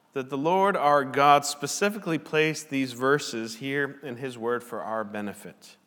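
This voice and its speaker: A man's voice: on the high side, fairly bright tone. Man reading scripture at a pulpit microphone. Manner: measured, deliberate reading aloud. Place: church sanctuary. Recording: long church hall reverb.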